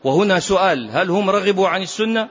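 A man with a fairly high voice delivers a religious lesson, explaining a classical text to his listeners. He drives points home by saying them twice and poses rhetorical questions along the way. The recording is dull and lo-fi. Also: animated, quick pace, fairly bright tone. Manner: repeats key phrases for emphasis. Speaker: sheikh teaching a classical text.

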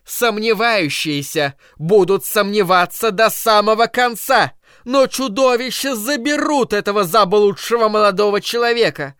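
A man voicing a fanatical old woman who preaches doom in a slow, drawn-out, shrill way. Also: fairly bright tone, smooth, no room sound, clean studio sound. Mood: frenzied.

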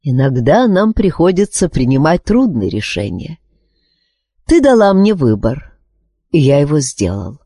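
A wise, calm male sorcerer from a storybook, played by a woman reader. He talks slowly with gentle irony, his pitch moving widely. The sound is dry and close. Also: husky, no room sound, full character voice. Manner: calm, unhurried, gently ironic.

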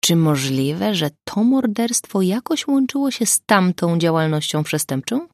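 A woman narrating an audiobook in steady scripted storytelling. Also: deep voice, gravelly, dry recording, studio quality.

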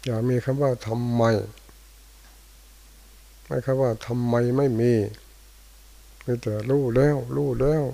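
An older male Buddhist monk, giving a dharma talk in short, unhurried phrases with pauses. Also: medium pitch, flat delivery, vocal fry, dark tone, rough recording. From Thailand. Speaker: monk teacher. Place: monastery hall after morning chanting.

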